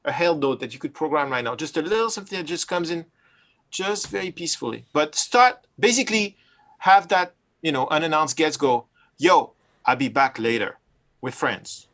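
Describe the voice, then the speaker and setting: Casting: male music producer, slightly high voice, casual studio talk, feels his way through explanations. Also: expressive, normal speed, a bit bright. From Brooklyn. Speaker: music producer directing a session.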